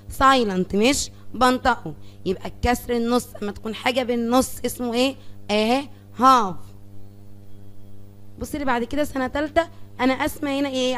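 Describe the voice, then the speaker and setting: Egyptian woman, teacher, smooth fairly high voice, counts aloud, asks and answers questions. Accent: Egyptian Arabic. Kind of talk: classroom lesson on fractions.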